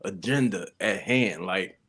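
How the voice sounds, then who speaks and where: A man co-hosting a casual relationship talk, reflective and halting as he works through his thoughts. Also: sits low, fairly bright tone, husky. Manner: reflective, halting with fillers and restarts. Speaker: co-host of a relationship channel.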